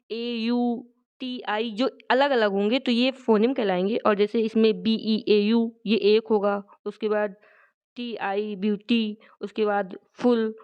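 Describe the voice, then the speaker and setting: A woman explaining English words in a lesson, speaking Hindi as her first language and reading out English definitions slowly and deliberately. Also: on the high side, a little mellow, clear, resonant tone. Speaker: vocabulary teacher.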